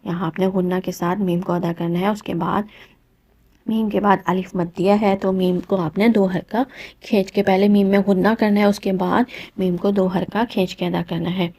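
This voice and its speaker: Flat, gravelly-voiced woman teaching recitation. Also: mid-range voice. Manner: patient, methodical explaining, repeats each rule. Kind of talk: step-by-step tajweed lesson.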